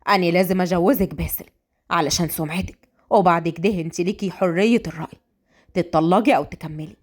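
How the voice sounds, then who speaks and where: A woman's voice: lowish voice, quick pace, pitched below the performer's own voice, lightly acted. A woman voicing a stern, fatherly older village elder. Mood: firm. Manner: firm, fatherly.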